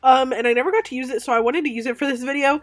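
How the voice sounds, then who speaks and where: A young woman with a high voice speaks rapid-fire, congested and stuffed-up from being sick. A nail art creator, she chats through a casual tutorial voice-over at home. She uses lots of ums and corrects herself often.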